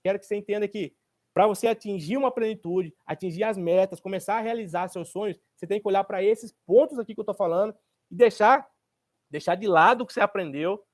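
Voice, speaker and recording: A man gives a motivational workshop talk, his voice pitched notably high for a man. He speaks in a colloquial, emphatic way, posing rhetorical questions and answering them himself. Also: darkish tone. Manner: casual colloquial phrasing, repeats points for stress. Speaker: therapist and speaker.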